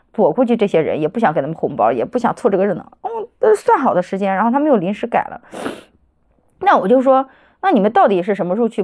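A woman's voice: medium pitch, darkish tone. A woman in her thirties hosting a casual solo podcast, rambling and venting as she retells things. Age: 30s. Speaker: podcast host.

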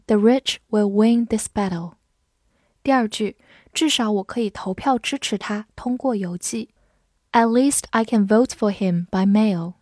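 A woman's voice: a little high, darkish tone, no echo, clean studio sound. A woman hosting an English lesson, with scripted narration in an upbeat, inviting presenter tone. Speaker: lesson host.

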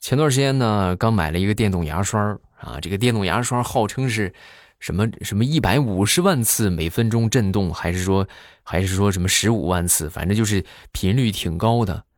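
A man's voice: lowish voice, animated, brisk, dry recording, clean studio sound. A man performing a stand-up comedy monologue, telling stories with jokey asides and rhetorical questions.

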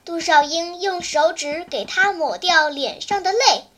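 Very high, slow, expressive storyteller. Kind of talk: scripted children's story narration.

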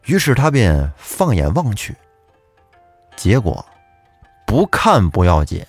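Guy telling an old folk tale, talks right to the listeners, animated pitch, faint music. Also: slow pace, slightly rough. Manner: chatty, addresses listeners directly. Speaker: storyteller host. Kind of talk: storytelling narration of a folk tale.

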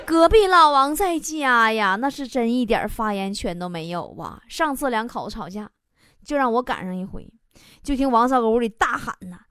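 Lively woman with a Northeastern Chinese accent. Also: fairly high pitch, moderate pace, clean tone, no room sound, studio quality. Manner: chatty, laughing at own jokes. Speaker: comedy show host. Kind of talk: comic monologue. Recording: loud background noise.

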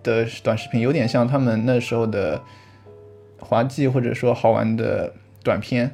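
A man's voice: mid-range voice, steady tone, moderate pace, vocal fry, dark tone, faint music behind. A man who is a guest on a podcast, explaining his topic in an easygoing way, thinking aloud with restarts and easy laughs. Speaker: podcast guest, vlog creator. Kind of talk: casual podcast chat.

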